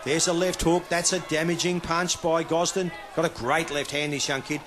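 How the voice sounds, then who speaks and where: A man's voice: fairly high pitch, level tone, moderate pace, fairly bright tone, slight background noise. A man with an Australian accent hosting and giving live boxing commentary.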